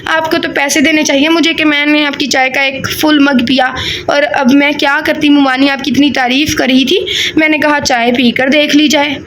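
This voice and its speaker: A woman voicing a cheeky, sharp-tongued young bride-to-be in a storybook reading, with quick teasing retorts. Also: high voice, level tone, a little hiss or hum.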